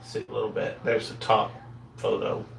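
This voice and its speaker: A man's voice: normal speed, a little hiss or hum. A man co-hosting a casual live stream, reading out chat comments and reacting with frequent laughs.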